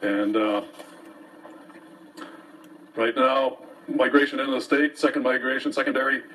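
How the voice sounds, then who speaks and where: A man's voice: mid-range voice, measured pace, a bit bright. A man hosting a local commentary show, giving an opinionated, folksy, aggrieved monologue to viewers, sometimes reading from papers. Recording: distant mic, faint background noise.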